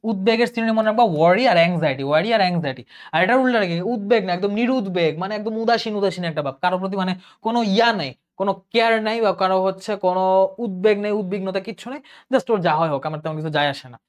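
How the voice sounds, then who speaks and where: Fast-talking man teaching vocabulary. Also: high-pitched. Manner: rapid, explains and repeats words, asks and answers own questions. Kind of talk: online class lecture.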